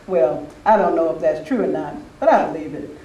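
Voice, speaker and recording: An older man speaks informally to a gathering at a spiritual retreat, reminiscing through anecdotes in a conversational way. His voice is on the high side, a little fast, and dark in tone, and the recording is muffled. The mic is distant in a roomy space, with faint noise.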